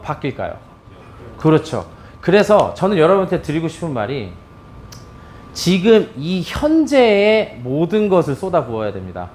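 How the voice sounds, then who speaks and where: A middle-aged bowling pro with a fairly high voice gives a lively, animated instructional demonstration, cueing his viewers often with "자" as he explains. A little hiss or hum is audible.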